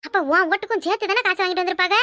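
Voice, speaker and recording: A woman's voice: very high-pitched, fairly even intonation, racing, sharp tone, no room sound, studio quality. A woman voicing a practical, scolding village woman named Rani in a cartoon, with a southern Tamil Nadu rural accent. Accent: southern Tamil Nadu rural dialect. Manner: scolding, worldly. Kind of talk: cartoon voice acting.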